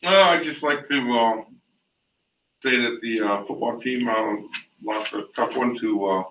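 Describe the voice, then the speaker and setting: A man on a school board speaking in a halting way with many pauses and blunt opinions. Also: mid-range voice. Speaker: board member. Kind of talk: meeting remarks. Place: school library meeting room. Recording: roomy, distant, noisy lo-fi mic.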